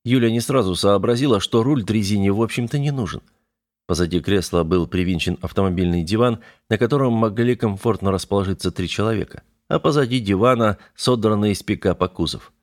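Male audiobook narrator, measured and steady, lowish voice. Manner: even, measured reading.

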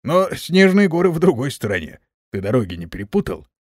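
A man reading an audiobook, voicing a blunt, quick-tempered male orc warrior chief who growls his words. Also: mid-range voice, sing-song, no echo, studio quality. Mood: wary.

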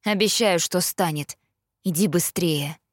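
A woman's voice: on the low side, unhurried, no room sound, clean studio sound. A woman voicing a drained young man, a medium, who speaks in a strained, urgent way.

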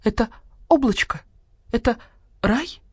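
A woman voicing a weak, bewildered hen in a storybook, with a husky, croaky voice. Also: fairly high pitch, animated, slow, no echo, clean studio sound, voice pushed up, heavily acted. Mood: dreamy. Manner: bewildered, repeats words in a daze. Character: dazed, weak hen, hoarse and clucking.

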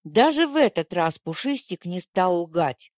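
A woman's voice: fairly low pitch, big pitch swings, measured pace, darkish tone, no room sound, studio quality. A young woman narrating a first-person fantasy story, voicing the heroine's indignation and tears with feeling. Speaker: audiobook narrator.

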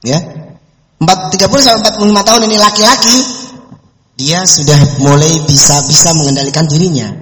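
Middle-aged preacher in an echoey mosque. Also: male voice, fairly high pitch, fast talker, fairly bright tone, faint music behind. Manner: conversational and folksy, mixing in anecdotes. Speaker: preacher answering questions. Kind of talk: religious study talk. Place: mosque hall. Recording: echoey mosque hall reverb.

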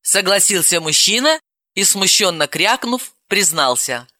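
A man narrating an audiobook in an expressive storytelling manner. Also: high-pitched, measured pace, no room sound, studio quality. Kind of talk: scripted narration.

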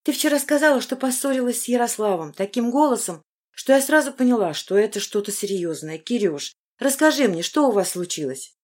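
A woman voicing a fussing middle-aged mother in an audiobook, pitched a little higher than the narrator's usual voice. She sounds anxious and doting, and her brisk, worried questions tumble out quickly. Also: animated.

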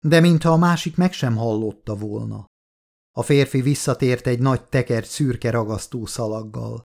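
A man narrating a horror audiobook in a measured, steady reading voice. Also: medium pitch.

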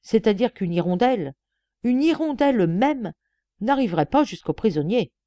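A woman voicing an excitable, proud male prison director who protests with emphatic indignation. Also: medium pitch, normal speed, dry recording, natural voice. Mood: indignant.

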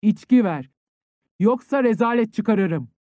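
A man voicing a bitter, grief-stricken young peasant conscript who breaks into furious shouting. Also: high voice, animated, normal speed, no room sound, studio quality. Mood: enraged shouting.

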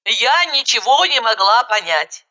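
A woman narrating a first-person story in an expressive, lively reading style. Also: on the high side, unhurried, highs cut off. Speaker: audiobook narrator.

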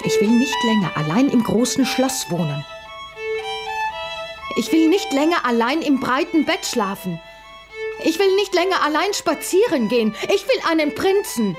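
A woman voicing a demanding, lonely young princess, insistent and whiny, her voice climbing higher with each complaint. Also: very animated, moderate pace, few pauses, over music.

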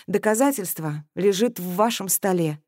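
Смелая молодая женщина-сыщица, говорит обвиняюще и напористо, её читает чтица. Аудиокнига, сухой близкий звук. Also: female voice, medium pitch, normal speed, a little mellow, dry recording, studio quality, lightly acted. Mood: accusing. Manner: accusing, then shaky. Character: young woman amateur sleuth, bold but frightened.

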